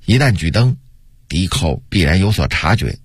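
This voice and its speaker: Man voicing a deferential ship deputy, hesitant, deep pitched, husky, dry close sound. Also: animated, normal speed, dry recording. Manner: hesitant, humble pleading tone. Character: cautious male deputy officer, deferential and worried.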